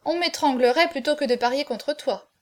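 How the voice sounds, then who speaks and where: A brave, cheeky young woman cheering loudly, put on by a woman narrator. High and bright in pitch. Storybook reading. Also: normal speed, lightly acted. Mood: bold. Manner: loud, cheering.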